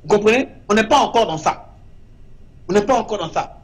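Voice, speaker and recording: A man's voice: high voice, lively intonation, brisk. A man, a guest artist in an interview, speaking with emphasis and repeating short verdicts. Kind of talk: impassioned interview talk.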